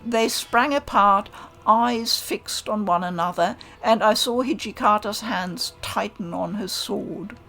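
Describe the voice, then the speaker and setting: A woman calmly reading a visual novel aloud in the first person. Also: medium pitch, takes it slowly, faint music behind. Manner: calm, first-person storytelling. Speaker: narrator.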